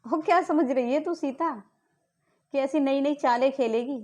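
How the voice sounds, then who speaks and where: Indignant high-voiced woman ranting. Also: moderate pace, a little mellow. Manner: indignant, accusing, repeated rhetorical questions. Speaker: vlogger. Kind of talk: angry family-dispute rant to camera.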